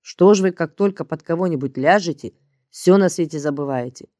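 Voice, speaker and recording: Woman reading a gruff, crude male handler. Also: sits low, fairly quick, warm tone, no echo, studio quality. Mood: scolding. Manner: blunt, rude, slangy and bossy.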